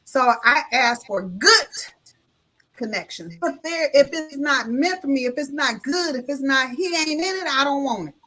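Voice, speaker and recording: With a crowd audible in the background, a notary guest from Illinois speaks at normal speed in a high-pitched voice on a live talk show via video call. She tells a casual, colloquial story about her faith, lively acting out the voices of the people involved.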